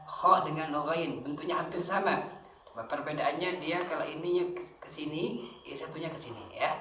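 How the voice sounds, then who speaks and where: A woman teaching Quran letter pronunciation, rushing through explanations and sounding out drill words slowly. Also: low voice. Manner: explains quickly, then pronounces drill words slowly and loudly. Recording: echoey room with faint noise.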